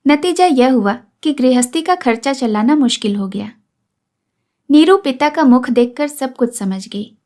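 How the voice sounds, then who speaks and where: High-voiced woman reading a story. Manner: steady, measured reading. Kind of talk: read-aloud story narration.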